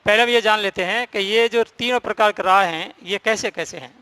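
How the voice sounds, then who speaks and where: Male teacher, high bright voice, dry close sound, step-by-step grammar explanation. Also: a little fast, smooth, no room sound. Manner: explains step by step, repeats and stresses key points. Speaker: Hindi teacher. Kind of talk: classroom grammar lesson.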